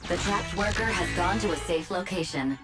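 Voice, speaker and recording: Gentle rescue care robot lady, a woman voicing her, lowish voice, polite even readouts, game music behind. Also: moderate pace, lightly acted. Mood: calm. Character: calm gentle female rescue AI assistant. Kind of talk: video game voice acting.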